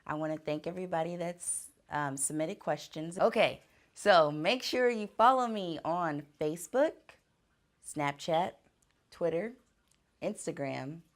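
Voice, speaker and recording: Slow, low-voiced woman talking faith. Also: expressive. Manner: earnest, faith-driven speaking; slow, reflective, with fillers. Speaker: singer answering fan questions. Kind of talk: casual Q&A vlog.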